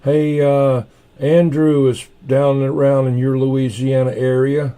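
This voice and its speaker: A man hosting a livestream chats casually in a soft, mellow voice, rambling unhurriedly and often muttering half to himself. His tone is relaxed, dark, clear, and resonant, at an ordinary male pitch and a measured pace.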